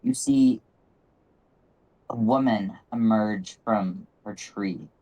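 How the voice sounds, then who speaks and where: A man's voice: lowish voice, slow, dark tone, slightly rough, rough recording. A man running a tabletop fantasy game, moving between descriptive narration and casual talk with players. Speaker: game master.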